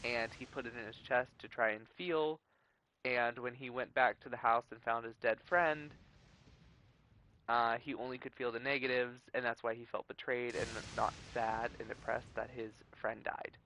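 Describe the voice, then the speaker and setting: A man's voice: medium pitch, steady tone, moderate pace, sharp tone, a little hiss or hum, low-quality recording. A man giving casual, enthusiastic commentary while he streams a video game, chatty and sometimes swearing.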